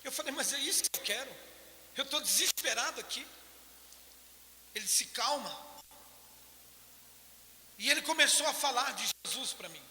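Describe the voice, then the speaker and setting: A man's voice: extremely high pitch, animated, normal speed, long pauses, pushed and bright, a little hiss or hum. A man with a Brazilian Portuguese accent giving an emotional personal testimony in church, acting out the voices of people in his story. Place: church hall. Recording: echoey church hall, live stream.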